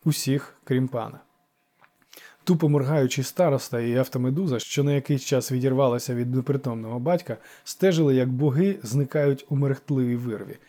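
A man narrating an audiobook in a lively storytelling manner. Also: medium pitch, a little fast.

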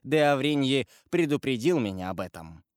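A man's voice: medium pitch, very animated, moderate pace, clean tone, no echo, natural voice. Storybook reading: a man playing a cold, commanding prosecutor, accusing and contemptuous, in a dry, close sound. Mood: coldly accusing. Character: cold, stern royal prosecutor, middle-aged husband.

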